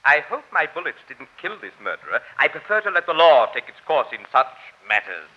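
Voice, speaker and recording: An actor playing a genteel, pompous amateur crime-fighter in a 1940s radio drama, speaking in formal diction. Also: male voice, on the high side, big pitch swings, a little fast, slightly rough. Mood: smug. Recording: dull lo-fi old radio broadcast.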